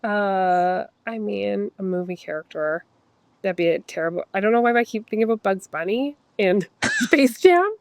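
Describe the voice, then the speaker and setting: A woman's voice: mid-range voice, expressive, normal speed, no room sound. Woman, rambling, thinking aloud, dry sound. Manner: rambling, thinking aloud, quoting imagined reactions. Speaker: interview guest. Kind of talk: casual chat.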